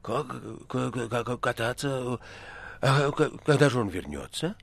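A man's voice: lowish voice, sing-song, brisk, creaky, husky, no room sound, full character voice. A man reading a jittery, short-tempered theatre administrator who barks and splutters with indignation. The voice stays close to the reader's own, and the recording is dry. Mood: agitated. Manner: agitated, indignant shouting. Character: flustered male theatre administrator, quick to anger.

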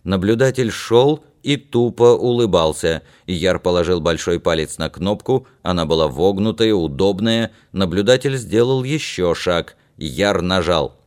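A man reading a science fiction story aloud in a steady, measured narrating voice. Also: low voice. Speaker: audiobook narrator. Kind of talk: scripted narration.

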